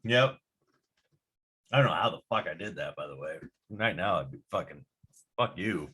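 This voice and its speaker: A man's voice: sits low, expressive, moderate pace, pushed and bright, slightly rough. A man hosting a veterans' podcast, talking casually, swearing a lot, emphatic and heated. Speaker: podcast host. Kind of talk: casual profane chat.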